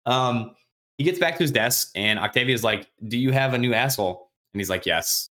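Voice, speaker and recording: A man on a podcast casually retelling a novel's chapters, acting out the characters' lines in quick, offhand voices and swearing freely. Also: mid-range voice, pushed and bright. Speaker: podcast host recapping a book. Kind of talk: casual chat.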